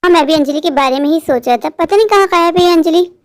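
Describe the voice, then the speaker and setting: A woman's voice: very high voice, quick pace, dry recording. A woman voicing an eager, lovestruck young male crow in a cartoon, speaking in a pleading way. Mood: anxious. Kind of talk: cartoon voice acting.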